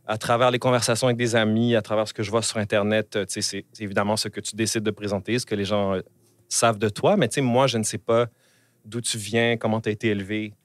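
Relaxed interviewer, code-switching, dry close mic. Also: on the low side, fast, no echo. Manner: mixes English slang into French, relaxed. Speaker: interview host. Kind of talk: casual interview chat.

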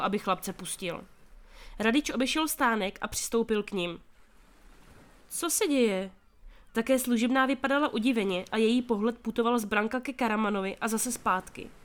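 A woman reading a children's story aloud as narrator, giving the characters' shouts strong emphasis. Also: fairly high pitch. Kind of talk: audiobook reading of a children's novel.

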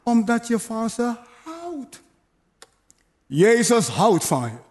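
A man's voice: extremely high pitch, huge pitch swings, slow, darkish tone. A man preaching a sermon, urging his listeners with repeated phrases and playful asides. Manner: repetitive exhortation, playful asides and calls to the congregation. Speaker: pastor.

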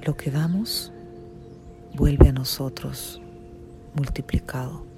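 Super slow soothing meditation voice, sleep story narrator vibe, hushed, mid pitch, music under it. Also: steady tone. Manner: soothing, hushed, with long pauses. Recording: music behind the voice.

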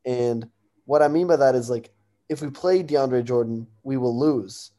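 Mellow-voiced young American man talking sports. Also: medium pitch, a little slow. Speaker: sports talk co-host. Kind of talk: casual sports prediction chat.

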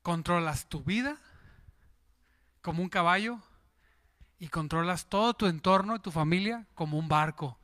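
Speaking at a moderate pace with long pauses, a man whose voice sits high delivers a lively sermon. He jokes around and asks the congregation questions.

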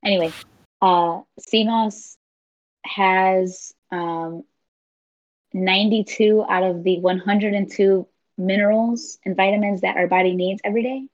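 A woman's voice: medium pitch, steady tone, a little slow. A woman co-hosting a podcast, chatty and explaining things at length in a casual way. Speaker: podcast co-host. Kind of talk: casual chat. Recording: dull lo-fi audio.

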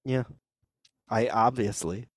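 A man's voice: on the low side, slow pace. A man hosting a casual chat, laughing often and acting out the voices he quotes.

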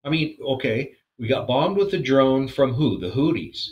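A man's voice: mid-range voice, lively intonation, normal speed, muffled recording. A man co-hosting a political podcast, firing off exasperated rhetorical questions and jokes. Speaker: podcast co-host. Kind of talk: casual political chat.

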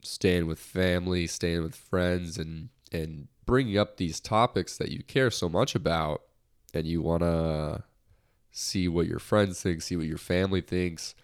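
A young man from the United States talks on his own podcast in a casual, lighthearted, rambling way, restarting many times. His low voice is steady and clean, unhurried, and slightly nasal after a recent cold.

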